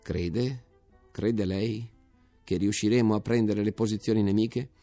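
A worried army major around fifty, as a male reader puts him on, asking fretful questions and confiding in earnest. His voice is low, dark and gravelly, as in a read-aloud war story. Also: fairly even intonation, unhurried, dry recording, soft background music. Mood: anxious. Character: anxious fiftyish army major, nervous then relieved.

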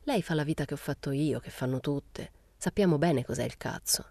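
A woman's voice: low voice, a little fast, darkish tone, dry recording. A woman voicing a blunt, cynical young woman. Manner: blunt, world-weary remarks. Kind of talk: audiobook character reading.

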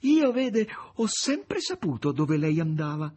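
A man voicing a young maid turned witch, pleading and excited, in a husky voice. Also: on the high side, a little slow, pitched above the performer's own voice, exaggerated voice.

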